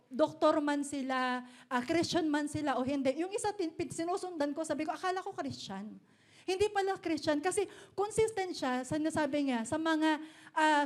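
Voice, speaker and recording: Inside a church hall, a high-pitched, middle-aged woman pastor with a Filipino accent preaches animatedly. Her sermon mixes Filipino and English and is sprinkled with playful asides.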